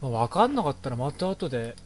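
A let's play host gives casual game commentary, offering jokey, rambling reactions as he plays through the game. His mid-range voice is sing-song and quick, with a little hiss or hum in the recording.

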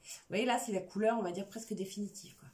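Talking fast in a medium-pitched, darkish voice, a woman with a slight lisp on her s sounds hosts a craft tutorial. She chats informally as she works hands-on at a craft table in an indoor room. The recording has room echo and faint background noise.

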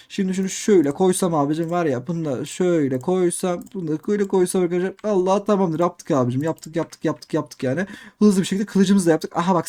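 A young man doing excitable game commentary, repeating himself and talking straight to his viewers. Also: high-pitched. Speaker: gaming youtuber. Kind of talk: let's play commentary.

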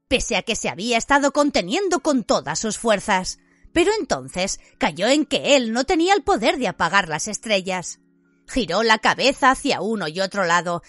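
A woman narrating an audiobook in an expressive storytelling manner. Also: fairly high pitch, no room sound.

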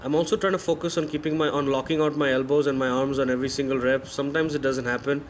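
Quick-paced and medium-pitched with fairly even intonation, a man in his thirties voices over his own workout footage candidly, correcting himself as needed. He's a fitness vlogger, the recording wasn't made in the pictured gym, and there's slight background noise.

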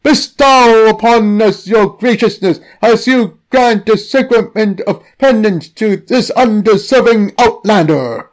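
A man's voice: high-pitched, a little slow, hardly any pauses, voice pushed up. A man voicing a fawning male cult priest who chants grand praise in a storybook reading. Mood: reverent.

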